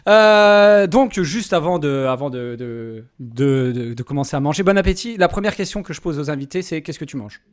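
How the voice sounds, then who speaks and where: Higher-voiced man casually hosting a live stream. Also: expressive, normal speed, hardly any pauses. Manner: informal, playful teasing. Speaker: host of a live-streamed interview show. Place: indoors in a streaming room.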